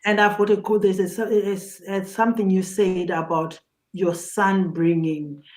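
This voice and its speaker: Her voice is medium-pitched and a little mellow, with a steady tone and normal speed. She's a middle-aged Zimbabwean-accented woman appearing as a talk show guest, offering sincere personal advice and frequently repeating words as she hunts for how to say things.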